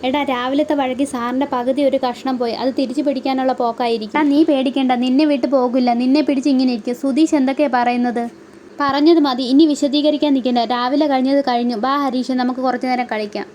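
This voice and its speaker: High-voiced woman retelling a serial. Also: steady tone, darkish tone, slight background noise. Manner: brisk storytelling, reads every part herself. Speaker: serial episode recapper.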